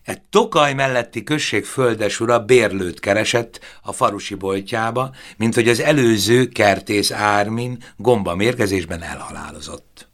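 A man narrating a novel in a measured, expressive audiobook reading. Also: on the low side.

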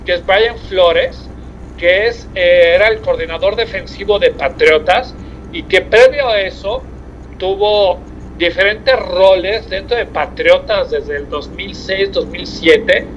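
Voz masculina aguda y algo brillante: es un comentarista deportivo mexicano charlando de deportes dentro de un auto en marcha. Su forma de hablar es medida y titubeante, repleta de muletillas, mientras la línea del celular suena crujiente, cortada y con ligero ruido.

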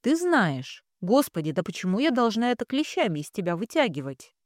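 A woman's voice: medium pitch, sing-song, a little fast, no echo, studio quality, lightly acted. A woman reading the part of a weary, frightened young mother who pleads reproachfully, in an audiobook.

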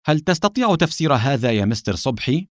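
A man's voice: mid-range voice, sing-song, quick pace, no room sound, studio quality, pitched above the performer's own voice, close to an everyday voice. A man voicing a cold, sarcastic, corrupt police inspector in an audiobook. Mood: mocking. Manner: cold, mocking.

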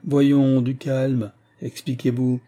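A man's voice: medium pitch, little pitch movement, slow, warm tone, pitched above the performer's own voice, natural voice. A man voicing a stern, confident male detective who speaks firmly and commands. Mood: commanding.

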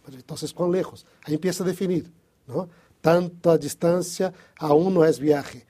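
Guy, fairly high for a man, hesitant bible chat, warm and husky. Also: moderate pace. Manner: hesitant, restarts often, thinks aloud. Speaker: Bible study co-host. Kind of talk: casual religious discussion.

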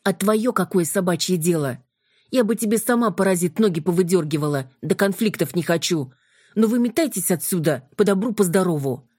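A woman's voice: lowish voice, fairly quick, husky, no room sound, clean studio sound, pitched above the performer's own voice. A woman playing a furious, scornful young woman. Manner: shouted, scornful, cursing. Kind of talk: audiobook reading.

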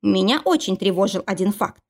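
A woman narrating a first-person audiobook in a steady, even reading style. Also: medium pitch, fairly quick.

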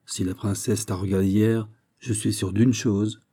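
A man's voice: on the low side, little pitch movement, a little slow, mellow, husky. A man voicing a vain, jovial young prince who teases his courtier in a lordly way, in an audiobook of a classic novel. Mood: teasing jovial. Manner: teasing, laughing, lordly.

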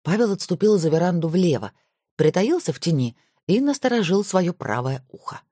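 A woman narrating an audiobook with expressive storytelling. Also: lowish voice, moderate pace, dry recording, clean studio sound.

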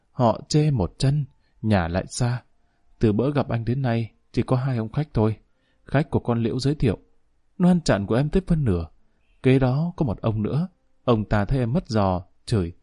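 A man's voice: mid-range voice, expressive, normal speed, mellow, breathy edge, no room sound, clean studio sound. A man reading the lines of a weak, desperate young woman addict in a storybook narration. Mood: pleading.

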